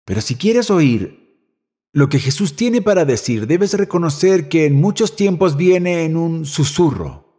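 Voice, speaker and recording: A man preaching a sermon in a dramatic way, swinging from emphatic calls down to hushed, almost whispered lines. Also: fairly high pitch, animated, a little slow, breathy edge. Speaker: pastor.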